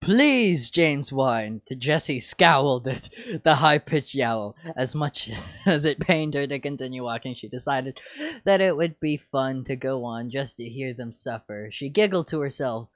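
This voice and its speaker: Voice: medium pitch, measured pace. A reader with a mid-range voice reads fan fiction aloud and often giggles between words. The sound is close and dry, with no room echo. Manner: giggly, breaking into laughs.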